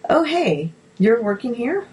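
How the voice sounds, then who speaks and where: A woman reading as a gentle male doctor. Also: deep voice, expressive, a little slow. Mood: friendly.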